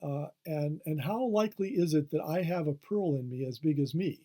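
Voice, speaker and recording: A man's voice: on the high side, moderate pace, mellow, close to an everyday voice. A man voicing a clever small talking bird from a fable, teasing and lecturing with hesitant fillers. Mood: scolding.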